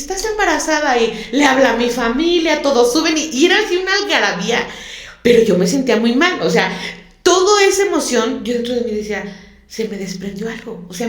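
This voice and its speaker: A woman, a guest telling a personal story in an interview, emotional and repeating words for emphasis. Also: on the high side. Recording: echoey room.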